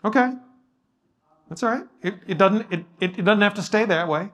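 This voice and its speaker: A pastor leads a workshop discussion before a live audience, speaking casually and modestly with frequent ums and restarts. His voice sits high, a bit bright, at normal speed.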